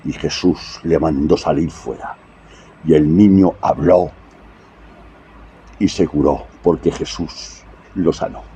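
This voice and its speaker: A man's voice: low-pitched, warm tone, dull audio, a little hiss or hum. A man preaching a sermon, often asking the congregation rhetorical questions.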